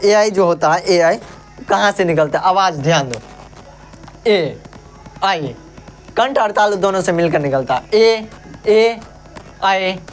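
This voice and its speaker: A man's voice: high voice, fairly quick, faint music behind. A male teacher giving an exam-prep grammar lesson, saying sounds aloud and asking and answering his own questions.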